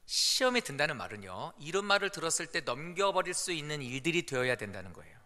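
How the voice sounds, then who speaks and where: In an echoey church hall, a man with a fairly high voice preaches a fast Sunday sermon. He tells animated stories from the sanctuary and acts out the quotes as he goes.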